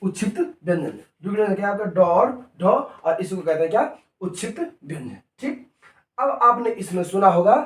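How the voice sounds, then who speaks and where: A man teaching a lesson in a coaching class, asking questions and repeating each answer in a call-and-response drill. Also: high-pitched. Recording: echoey room, mic far off.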